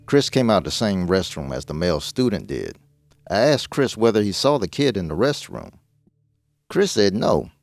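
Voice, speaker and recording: Lively low-voiced man narrating horror. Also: normal speed, dry recording. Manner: voices all the characters in quotes, jumping up in pitch for dialogue. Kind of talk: first-person horror story narration. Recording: narration over music.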